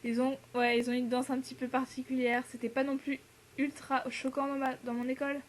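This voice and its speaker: French teen girl vlogging, chatty and giggly, a bit high pitched, little bit of background hiss. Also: little pitch movement, fairly quick. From France. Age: teens. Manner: chatty, many fillers and laughs, mixes in English words. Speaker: exchange student vlogger. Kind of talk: casual chat to camera.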